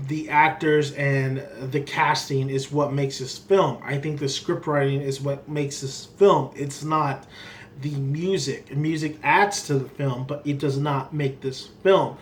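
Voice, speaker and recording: Male film reviewer, slightly high voice, rambling and emphatic, off-the-cuff delivery, faint background noise. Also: fairly even intonation, slow. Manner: rambling, emphatic, repeats himself. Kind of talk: casual unscripted film review. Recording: clearly noisy background ambience.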